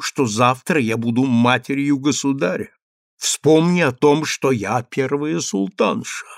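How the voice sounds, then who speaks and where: A man's voice: no room sound, studio quality. A man reading an audiobook, voicing a proud young sultana who speaks in a commanding, indignant way. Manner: commanding, indignant, high-strung.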